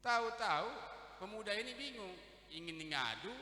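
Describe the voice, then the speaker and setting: A man's voice: high-pitched, animated, normal speed, bright, forceful tone. A man giving a humorous sermon, teasing and quizzing the audience. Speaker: preacher. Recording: echoey hall.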